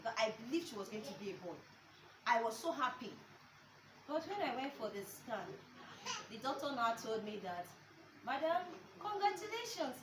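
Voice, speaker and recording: A woman giving a lively spoken testimony as a mother, acting out the voices of the people in her story. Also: a little high, slight background noise. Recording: echoey room from a distance with faint ambience.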